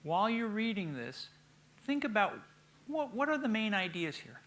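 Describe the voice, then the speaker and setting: A woman's voice: medium pitch, big pitch swings, normal speed, slight background noise. A woman presenting from the podium at a conference workshop, giving instructions and posing questions to the audience. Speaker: presenter leading a reading workshop. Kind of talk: podium speech, interactive conference teaching.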